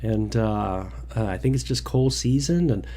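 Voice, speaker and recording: A man with a lowish, dark voice hosts a casual Bible devotional livestream from home, speaking unhurriedly and a little nasally from a cold. He rambles, with lots of fillers and restarts.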